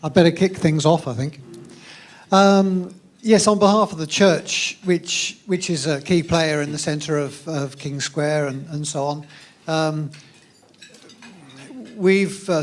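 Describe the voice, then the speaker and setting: A man speaking up from the audience on behalf of a church, asking his question haltingly with fillers. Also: a little high. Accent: Australian. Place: hotel function room.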